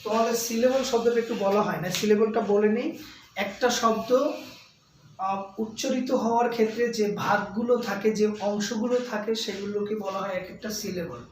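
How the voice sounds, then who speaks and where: A man's voice: high-pitched, steady tone, distant mic. Echoey Bengali-accented male tutor from afar. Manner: explains slowly, repeats words, stretches English terms aloud. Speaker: English tutor. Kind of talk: classroom grammar lecture. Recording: echoey room, voice from afar, faint noise.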